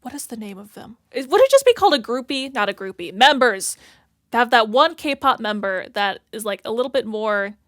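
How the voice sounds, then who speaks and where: A woman's voice: fairly high pitch, big pitch swings, normal speed, a bit bright, no echo, studio quality. A woman hosting a reaction video, rambling casually, filling her talk with "like" and "if that makes sense" as she searches for words. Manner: thinks aloud, searching for words.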